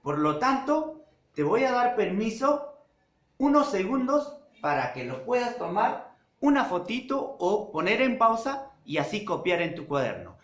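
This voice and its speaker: A male teacher lectures his class in a high, lively voice, pausing often and repeating the key terms. He speaks slowly and keeps checking that the students follow. The sound is echoey, recorded in a classroom. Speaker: secondary school language teacher. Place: classroom with a whiteboard.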